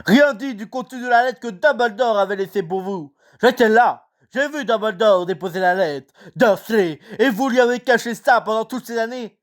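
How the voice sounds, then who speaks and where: A huge, hot-tempered giant man, as a woman reading aloud puts him on. He booms out indignant outbursts, and his voice sits high and loud above the storyteller's own. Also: expressive, moderate pace, lightly acted. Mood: angry.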